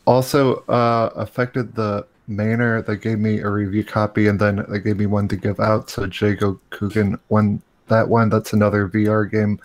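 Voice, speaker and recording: A man's voice: on the low side, little pitch movement, normal speed, hardly any pauses. A man with the flu, co-hosting a casual gaming podcast and cracking crude jokes. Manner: joking, crude humor. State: has the flu. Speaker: podcast co-host.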